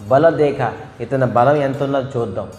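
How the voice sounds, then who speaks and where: A man's voice: mid-range voice, moderate pace, a little mellow, slight background noise. A man preaching a devotional storytelling sermon, asking and answering his own questions and imitating animal calls. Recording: echoey hall with faint music.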